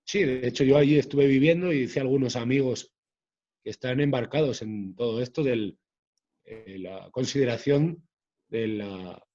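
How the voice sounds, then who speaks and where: Measured man, slightly muffled audio. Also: medium pitch, mellow. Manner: measured, hesitant with frequent restarts. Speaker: author and guest. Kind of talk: conversational interview.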